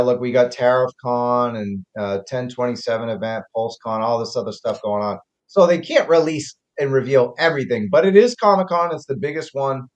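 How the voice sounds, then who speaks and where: A man hosting a casual livestream, easygoing as he steers the talk. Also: medium pitch. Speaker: host. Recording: dull lo-fi stream audio.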